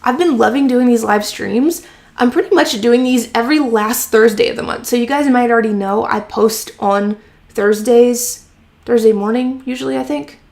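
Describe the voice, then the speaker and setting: Woman, live-stream host, chatty, encouraging, gravelly fry, slightly hoarse. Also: a little high, moderate pace, a little mellow. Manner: chatty and encouraging, many fillers like "um" and "like". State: voice getting hoarse from talking. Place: home office.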